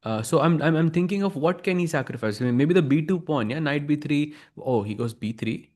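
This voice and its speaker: A man's voice: a little high, lively intonation, a little fast, darkish tone. A man with an Indian accent giving casual analytical chess commentary, explaining as he thinks aloud.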